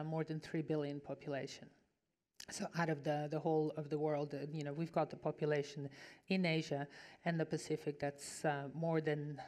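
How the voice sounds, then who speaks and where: A woman's voice: low voice, darkish tone. A woman in her forties from Ukraine speaking on a conference panel through a headset mic, chatty with many fillers. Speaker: panelist, head of radio. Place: conference stage, large hall.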